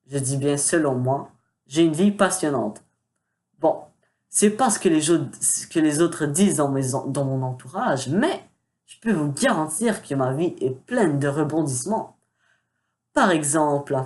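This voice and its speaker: A man's voice: on the high side, darkish tone. A man hosting his own gaming channel, giving a casual announcement video with lots of hesitant fillers and self-mocking asides into a desk microphone. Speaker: gaming YouTuber. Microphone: desktop USB microphone with pop filter.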